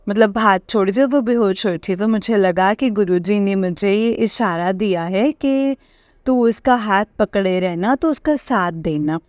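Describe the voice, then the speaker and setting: A woman tells a personal dream story at length. She wanders and restarts often, filling the pauses with small hesitations. Her voice sits at an ordinary middle pitch, and the recording is dry and close. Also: a little mellow, dry recording. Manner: rambling, hesitant, many fillers and restarts. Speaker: devotee sharing a dream experience. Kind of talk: casual spoken testimony.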